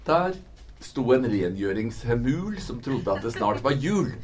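A man reading a rhymed picture book aloud in a lively, sing-song storytelling manner. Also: mid-range voice, slight background noise. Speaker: book talk presenter.

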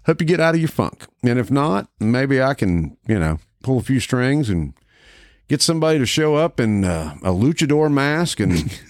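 A man co-hosting a podcast in casual chat, wry and animated, swearing freely. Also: medium pitch, normal speed, no room sound, studio quality. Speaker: podcast co-host.

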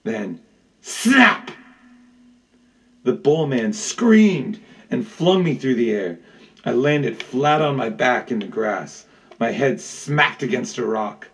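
A man narrating a first-person adventure story aloud in a measured, dramatic way. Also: mid-range voice, expressive, slightly rough, recorded from a distance, rough recording. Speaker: audiobook narrator. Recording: voice set back from the mic.

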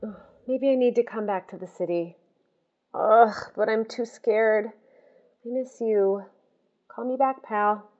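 A woman's voice: fairly high pitch, takes it slowly, darkish tone, highs cut off. A young woman in a comedic audio drama leaving rambling, exasperated voice messages. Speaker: lead character leaving voice messages.

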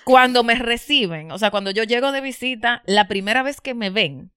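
A woman's voice: fairly high pitch, normal speed, clean tone, no echo, clean studio sound. A woman chatting casually as a co-host, telling stories with laughs and exclamations. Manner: animated storyteller, exclaims and laughs often. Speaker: podcast co-host. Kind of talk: casual chat.

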